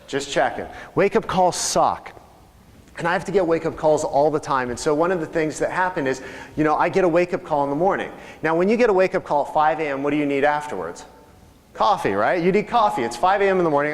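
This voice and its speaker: This live training seminar features a man teaching real estate sales, chatting with the audience and asking them questions. He talks a little fast in a fairly high, animated voice, recorded live in a training room with long reverb.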